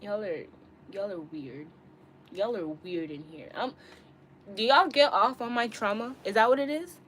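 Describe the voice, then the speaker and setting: Unhurried and medium-pitched with a bit of brightness, this early-twenties streamer chats with her viewers off the cuff in a candid, slangy way. It's a casual live stream, and the room sound is clearly noisy.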